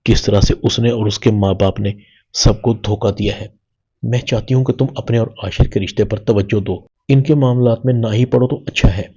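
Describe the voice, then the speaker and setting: A man reading the firm, advising lines of a protective mother, with a husky low voice. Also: dark tone, highs cut off.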